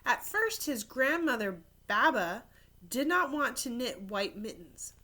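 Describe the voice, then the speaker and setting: A woman reads a children's story to her third grade class in a very bright, fairly high voice, taking a slow, deliberate pace. Her reading is expressive, and she often stops for casual asides, pointing to the pictures and explaining words as a primary school teacher would.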